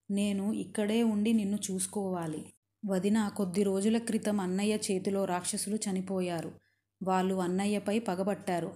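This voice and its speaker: A woman voicing a loyal, earnest young prince in a storytelling reading, slow and steady. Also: mid-range voice, lightly acted. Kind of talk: storytelling narration.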